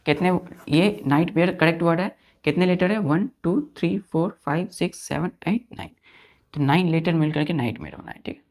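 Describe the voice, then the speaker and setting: A man's voice: on the high side, moderate pace, a little mellow. A man leads an online grammar lesson in a patient, repetitive way. He often asks his students whether they have understood. He mixes English terms into his explanations. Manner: asks students repeated check questions. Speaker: teacher.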